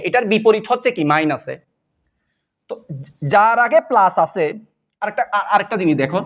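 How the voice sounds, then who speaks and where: A man's voice: high-pitched, fairly bright tone. A male teacher working through a math lesson step by step, often asking a question and then answering it himself.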